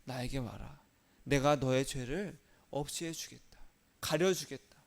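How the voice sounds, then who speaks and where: A man preaching voices Jesus as a calm, forgiving figure who answers in short, reassuring words. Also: mid-range voice, unhurried, creaky, pitched below the performer's own voice. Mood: gentle. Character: gentle, reassuring adult male Jesus.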